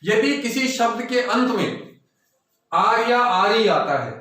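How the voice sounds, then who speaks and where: High-voiced male teacher in an echoey room. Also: animated, slow, a bit bright. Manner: spells words letter by letter, repeats them, quizzes the listener. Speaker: English pronunciation teacher. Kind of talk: classroom-style lesson. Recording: very echoey room, voice far from the mic.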